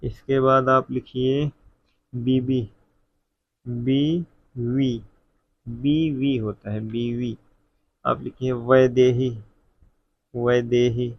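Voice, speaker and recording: Slow gravelly Hindi teacher dictating words. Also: male voice, medium pitch, flat delivery. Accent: North Indian Hindi. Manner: slow, repeats each word for dictation; addresses viewers as friend. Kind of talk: spelling dictation lesson. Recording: dull, lo-fi sound.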